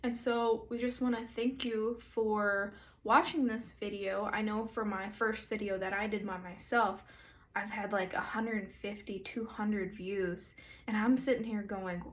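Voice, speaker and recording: Woman, pastor's wife, slow earnest self-recorded church talk, mid-pitched voice. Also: fairly even intonation. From southern United States. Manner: slow, reflective, earnest and inviting. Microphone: self-recorded camera or phone.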